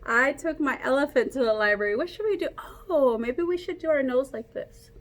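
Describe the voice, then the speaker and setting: Here a woman's voice sits high and moves a little fast as she reads a picture book to children. Like a teacher, she keeps it lively and playful, drawing the young listeners in to join along.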